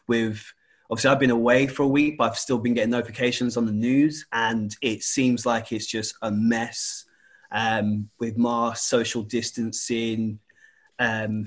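A man's voice: medium pitch, flat delivery, a little slow. A man chatting casually in an exasperated way, repeating his points for emphasis. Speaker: school or college staff member. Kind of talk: casual chat.

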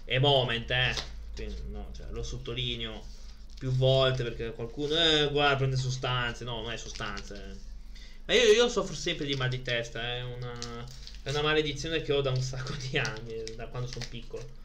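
A man's voice: medium pitch, lively intonation, moderate pace, a bit bright, a little hiss or hum. A man hosts a film review video in casual, hesitant, rambling chat with blunt slangy asides, while suffering from a headache.

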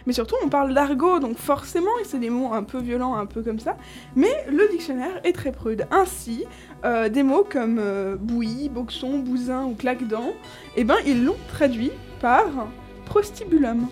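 A woman's voice: sits high, expressive, normal speed, darkish tone, soft background music. A woman host in casual chat, listing old slang words with amusement and frequent laughs.

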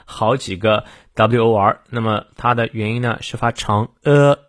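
Male language teacher, mid-pitched, coaching pronunciation patiently, dry close recording. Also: moderate pace, dry recording. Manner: explanatory, adds soft particles like "ah" and "ha". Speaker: English teacher. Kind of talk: morning reading lesson.

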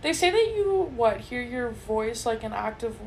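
A woman's voice: a little high, big pitch swings, normal speed, a little hiss or hum, rough recording. A woman co-hosting a casual podcast chat, blunt, swearing freely and laughing often. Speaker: podcast co-host.

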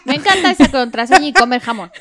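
A woman's voice: sits high, animated, fast, over a noisy crowd. A woman, joking and chiming in during a casual chat. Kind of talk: casual banter.

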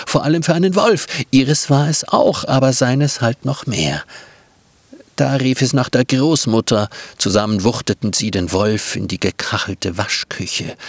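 Man, deadpan storyteller, gravelly, husky, lively pitch, dry close mic. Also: no echo. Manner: deadpan, dryly ironic, playful. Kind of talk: comic fairy tale narration.

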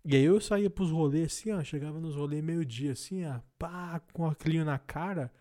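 A man's voice: fairly high pitch, normal speed, warm tone. A young man with a Brazilian Portuguese accent, co-hosting a podcast in casual, slangy, crude and joking banter full of swearing. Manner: crude, joking, profanity-laden. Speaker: podcast co-host.

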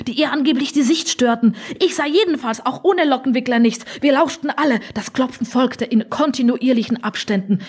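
A woman reading a story aloud with expressive, dryly humorous narration. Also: a little high, husky. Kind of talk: scripted audiobook narration.

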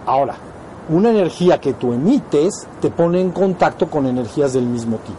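A Mexican-accented spiritual teacher explains things informally to his students, often asking short questions to confirm they understand. He sounds a little high, mellow and lively, speaking at a moderate pace over slight background noise.

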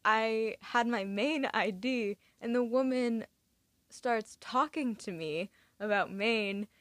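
A woman's voice: on the high side, slow, fairly bright tone, no room sound. Sarcastic young woman, dry close sound. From California. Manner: chatty, dry sarcastic asides. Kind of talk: casual chat.

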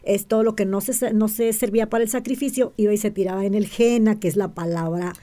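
A woman speaks in a dark, mellow voice at a middling pitch. She talks as an interview guest, explaining step by step. She keeps checking in with short questions and answers her own rhetorical ones. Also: fairly even intonation, quick pace. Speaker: interview guest, self-described witch.

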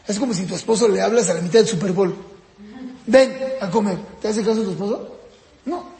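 A man teaching a parenting course in a casual, lively lecture style. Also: fast, reverberant, long reverb tail. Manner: lively, jumps up and down in pitch acting out parents and kids.

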